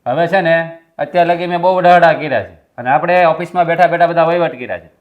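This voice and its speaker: A man plays a resentful younger brother who insists, with a slightly raised pitch, on his share of the business. He speaks steadily and defiantly. The recording sounds dull and lo-fi. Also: quick pace, natural voice. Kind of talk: Gujarati family stage drama.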